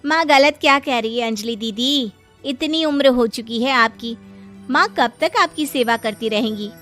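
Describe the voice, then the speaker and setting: Woman doing a snippy young sister-in-law, highish voice, taunting. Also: normal speed, fairly bright tone, soft background music, natural voice. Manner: taunting, siding against her.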